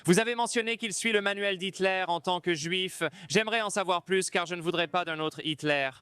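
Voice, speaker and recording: A man with a bright, crisp voice interviews protesters. His questions come one after another, pointed and probing. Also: high voice, brisk, dry recording. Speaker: street interviewer.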